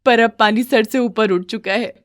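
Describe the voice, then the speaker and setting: A woman voicing a gentle, polite young daughter-in-law in a cartoon, speaking in a tearful, high voice. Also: moderate pace, close to an everyday voice.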